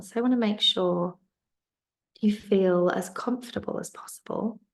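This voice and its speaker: Over a video call, a woman leads a yoga nidra relaxation, her medium-pitched, gravelly voice soft and soothing, at times dropping to a whisper.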